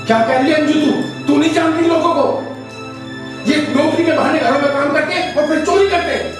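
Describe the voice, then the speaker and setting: An actor playing a householder who loudly accuses his servant of theft in a rural Hindi film. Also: high voice, animated, moderate pace. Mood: angry. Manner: loud, accusing, then remorseful. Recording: echoey room, mic far off, background music.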